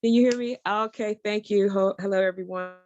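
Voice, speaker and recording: A woman on a video call whose voice keeps cutting in and out, talking in a halting, apologetic way at a work meeting. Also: mid-range voice, fairly even intonation, darkish tone. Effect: voice cutting in and out over a bad connection. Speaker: community stakeholder on a workgroup call. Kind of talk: virtual meeting talk. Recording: dull lo-fi call audio.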